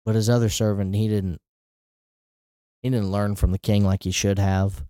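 A man's voice: lowish voice, little pitch movement, normal speed, dark tone, clear, resonant tone, no room sound, clean studio sound. A man preaching a sermon in a conversational way, with rising emphatic asides.

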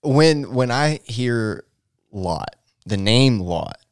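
A man's voice: medium pitch, animated, extremely slow, clear, resonant tone, dry recording, studio quality. A man co-hosting a church podcast in casual, playful banter. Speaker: podcast co-host. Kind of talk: casual chat.

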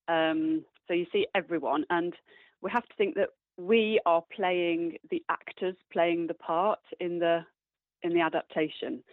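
A stage actor appears as an interview guest, answering cheerfully and thoughtfully. Her voice is fairly low and the recording is dry, heard through a narrow, phone-like band.

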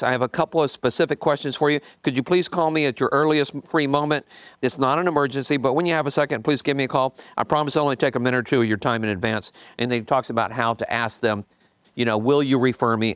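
Leading a group session, a business coach speaks at a quick pace in a medium-pitched, fairly bright, clean voice with a steady tone. He reads from a book, comments informally, repeats points to stress them, and checks in with listeners. There's no echo.

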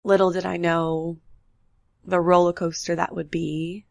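A young podcast host talks about her life alone at the mic, candid and unhurried, a bit nasal from the flu. Her lowish voice is creaky and darkish with little pitch movement, and the sound is clean and echo-free, with road noise outside her apartment.

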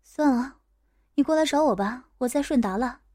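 A woman's voice: sits high, normal speed, warm tone, dry recording, clean studio sound. A woman voicing a brash, protective young woman friend in an audiobook, blunt in her speech.

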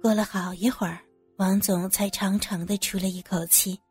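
A woman's voice: mid-range voice, steady tone, normal speed, darkish tone, husky, soft background music. A woman narrating a first-person story with a gossipy, wry, amused tone.

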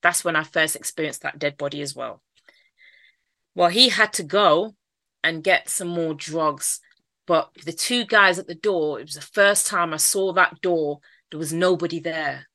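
Speaking in a Mancunian accent, a Manchester woman candidly recounts her life in conversation, frequently repeating herself and occasionally laughing. Her low voice moves at a normal speed and sounds pushed and bright. There's no room sound in the recording.

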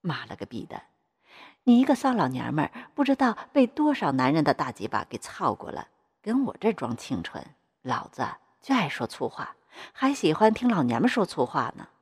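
有声小说里一个粗鲁跋扈的中年男行长，由一位女性朗读者演绎。声音偏低、起伏很大，嗓音沙哑带气声，整体笼罩在长长的大厅混响里。. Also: female voice, low-pitched, very animated, normal speed, a little mellow, slightly rough, big-room sound, heavily acted. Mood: domineering. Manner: vulgar, bossy, swaggering. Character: crude, coarse-mouthed middle-aged male bank official.

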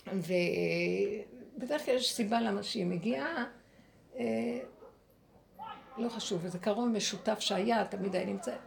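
A woman teaching a spiritual lesson to a group, speaking in an animated way, acting out inner dialogue and asking her listeners rhetorical questions. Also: mid-range voice, gravelly, long pauses.

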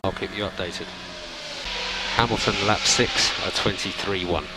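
A calm male race engineer on team radio. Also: deep voice, measured pace, loud music behind the voice, poor audio. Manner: calm, clipped, repeats each instruction. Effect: race car team radio. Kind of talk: team radio instructions to a driver. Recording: radio voice over loud car noise.

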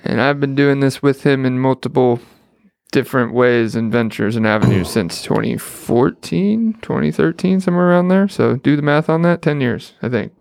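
Upbeat podcast co-host man, gravelly. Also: mid-range voice, moderate pace, a little mellow, no room sound, studio quality. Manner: upbeat, welcoming host patter. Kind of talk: casual podcast chat.

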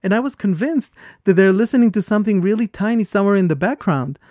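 Quick-paced and high-sitting, this male co-host's accented voice carries a reflective podcast conversation where he's earnest and thoughtful, turning animated for stories. The accent is foreign, origin unstated, and the studio-quality recording has no room sound.

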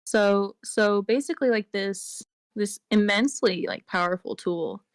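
A woman appears as an interview guest on a podcast, explaining things at length in a casual way and leaning on fillers like "like" and "um." Her voice is medium in pitch and unhurried, with a clean tone and no echo.

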